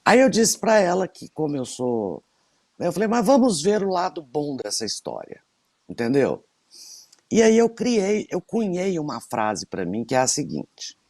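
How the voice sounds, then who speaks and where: A woman in her sixties co-hosts a radio show, telling stories in a relaxed chat as an animated storyteller who repeats herself for emphasis. Her voice is lowish and unhurried, with no room sound.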